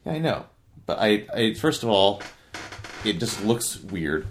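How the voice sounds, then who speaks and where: A man's voice: lowish voice, very animated, unhurried, slight background noise. A man in casual podcast chat, explaining things matter-of-factly, a little distant from a shared microphone. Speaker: podcast co-host. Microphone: one shared microphone. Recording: distant from a single shared mic.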